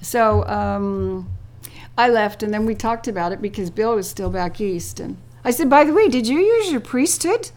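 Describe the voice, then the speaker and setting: An older woman being interviewed, telling a personal story in a lively way, laughing often and acting out what others said. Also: mid-range voice, normal speed.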